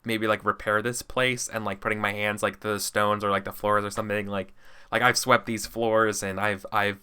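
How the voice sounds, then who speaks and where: Casting: male game player, crisp forward voice, tentative, improvising casually out loud. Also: on the low side, level tone, moderate pace. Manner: tentative, thinking aloud.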